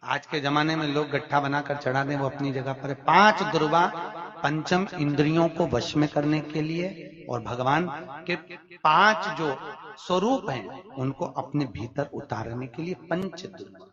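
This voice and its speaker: A man's voice: a little high, a little slow, lo-fi sound. A man preaching a devotional sermon, quizzing the gathering with questions and acting out dialogue between deities with rising emotion. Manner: calls questions to the crowd, acts out divine dialogue with rising emotion. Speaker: katha preacher. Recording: echoey hall with long reverb.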